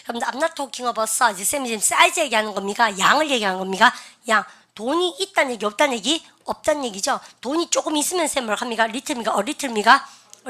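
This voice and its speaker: A woman with a bright, forceful voice that sits a little high teaches an English grammar class. She lectures in a chatty way, quizzing her students and having them repeat phrases aloud.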